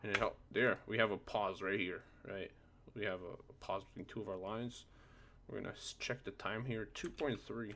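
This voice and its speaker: A man with a lowish voice and vocal fry gives a casual screen-recorded software tutorial indoors at his computer, hesitating and thinking aloud as he works. The home desktop recording is noisy, with keyboard clicks, typing and background noise.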